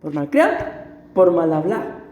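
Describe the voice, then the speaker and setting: Speaking in an echoey church hall, a pastor from Costa Rica delivers a sermon woven with a personal story, repeating himself with earnest emphasis. He is middle-aged, with a Costa Rican Spanish accent and a fairly high, slightly mellow voice that swings widely in pitch at a measured pace.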